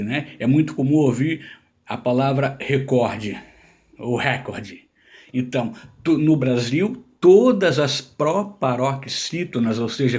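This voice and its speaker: A man's voice: mid-range voice, a little mellow. A man giving an informal grammar lesson, explaining patiently and checking in with his listeners. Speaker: Portuguese language teacher.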